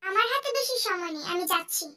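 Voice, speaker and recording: A woman voicing a sassy, sharp-tongued young woman, snappy and cheeky, in an amateur comic dub. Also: extremely high pitch, expressive, fast, very noisy.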